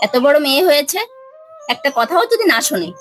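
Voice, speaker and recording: Harried village housewife, high-pitched, soft music behind, played by a woman. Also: sing-song, brisk, low-quality recording. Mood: grumbling. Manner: scolding, then pleading and coaxing. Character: harried village housewife and mother, young adult.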